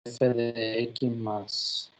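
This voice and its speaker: A math teacher dictating formulas slowly on a video call, the audio choppy and glitching as it breaks up. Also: medium pitch, level tone. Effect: choppy, glitchy dropping-out audio. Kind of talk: online class on a video call.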